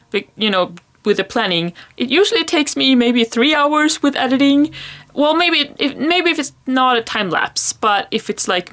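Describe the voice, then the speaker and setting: A young woman, Swedish by first language, speaks to the camera in a high, slightly bright voice. She's a planner vlogger, rambling casually and a little self-consciously, with lots of small laughs.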